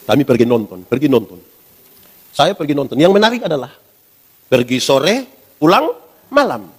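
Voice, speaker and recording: A pastor in his forties, preaching a lively sermon and asking the congregation questions. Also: medium pitch, normal speed, slightly rough. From Indonesia. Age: 40s.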